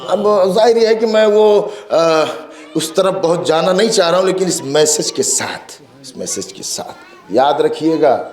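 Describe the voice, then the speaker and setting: A man preaching with an Indian Urdu accent, his voice rising high and ringing at the climaxes, then dropping to a soft, chatty tone as he speaks to the listeners. The hall around him is echoey and roomy. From Uttar Pradesh, India. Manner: swings between soaring shouted recitation and low conversational asides. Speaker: Shia cleric delivering a majlis. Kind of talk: sermon.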